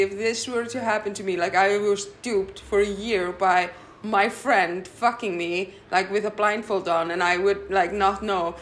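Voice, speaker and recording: A woman's voice: mid-range voice, fairly bright tone. A woman co-hosting a podcast in casual chat, telling stories with many restarts and asides. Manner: chatty, storytelling with many restarts. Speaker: podcast co-host.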